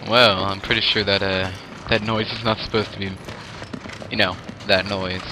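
A man's voice: on the low side, little pitch movement, moderate pace, noisy background. A young man joking and swearing as he comments on his own gameplay. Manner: joking, profane, sarcastic. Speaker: let's play gamer.

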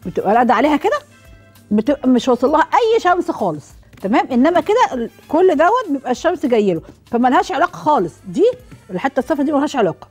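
On her cooking show, a middle-aged Egyptian woman uses a watermelon for the demonstration. Speaking in a high voice with an Egyptian Arabic accent, she puts questions to viewers and answers them herself.

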